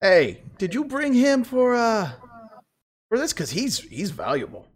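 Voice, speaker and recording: A man voicing a brash, excitable shady wheeler-dealer in a loud, exaggerated calling manner, for a tabletop game. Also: high voice, a little slow, husky, pitched above the performer's own voice, full character voice. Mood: eager.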